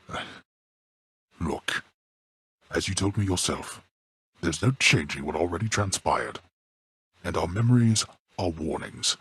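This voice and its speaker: An actor performs a full character voice for a video game: a proud, stern old god of the underworld and gruff father, formal, archaic, imperious, and curt. His voice is deep, gravelly, and husky, the mood solemn and halting, recorded in studio quality with no room sound.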